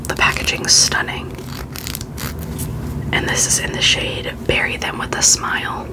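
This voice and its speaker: Whispering woman, casual ASMR beauty chat. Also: a little slow. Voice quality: soft unvoiced whisper. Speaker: beauty vlogger.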